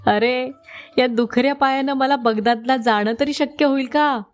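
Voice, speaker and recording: A woman's voice: high-pitched, fairly even intonation, normal speed, natural voice. A woman voicing a sly wise man who fakes a sore foot, groaning and drawing out his complaints. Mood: sly complaining.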